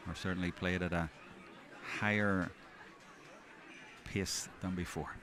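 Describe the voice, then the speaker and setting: A man giving live hurling commentary, describing play in measured running observations. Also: low voice, fairly even intonation. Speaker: sports commentator. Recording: outdoor stand, loud crowd noise behind. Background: crowd noise at outdoor match.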